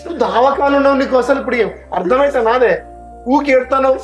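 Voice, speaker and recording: A woman's voice: sits high, quick pace, echoey room, over music, natural voice, rough recording. A woman playing a coaxing, comforting relative. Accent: Telangana Telugu. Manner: coaxing, reassuring. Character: relative comforting sick sister. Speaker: actor in a family drama.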